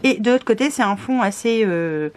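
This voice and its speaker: A woman's voice: on the high side, animated, moderate pace, darkish tone, a little hiss or hum. A tired woman describing scrapbooking papers in casual unboxing commentary, with hesitant talk, many fillers and self-deprecating asides. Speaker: scrapbooking vlogger.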